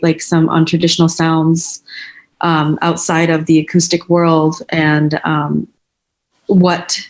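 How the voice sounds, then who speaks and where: Soft-spoken hesitant woman, low voice. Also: poor audio. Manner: hesitant, searching for words. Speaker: band member. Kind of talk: casual Q&A answer.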